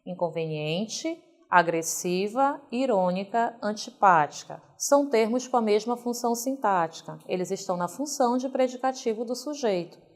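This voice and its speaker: In a recorded video lesson, a female teacher with a Brazilian Portuguese accent reads example sentences slowly, emphasizing them carefully, in a mid-range voice.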